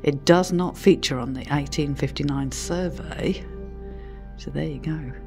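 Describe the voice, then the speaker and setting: A woman's voice: sits low, measured pace, vocal fry, over music. A woman presenting a casual ghost hunt as she films outdoors, exclaiming and repeating what she hears. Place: outdoors among open stone ruins.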